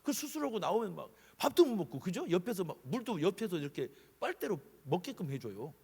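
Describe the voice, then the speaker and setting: Husky, lively man preaching a revival sermon. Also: high-pitched, fairly quick. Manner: lively preaching, acting out quoted voices. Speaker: guest preacher. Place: church sanctuary. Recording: long church hall reverb.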